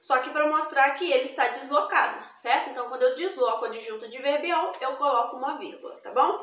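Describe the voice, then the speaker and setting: Brazilian woman, high voice, grammar teacher checking in with "tá bom?", echoey room, away from mic. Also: fast, a bit bright. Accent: Brazilian Portuguese. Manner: tag questions, frequent hesitations. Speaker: Portuguese teacher. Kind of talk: explaining grammar to camera. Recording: roomy, echoey, distant from mic.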